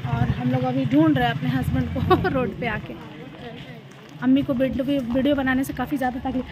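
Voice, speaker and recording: A woman's voice: high voice, steady tone, fairly quick. A young woman chatting casually to her phone as she films a family trip, playful and teasing. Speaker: vlogger. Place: outdoors at a busy fair. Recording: crowd noise behind. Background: crowd and traffic.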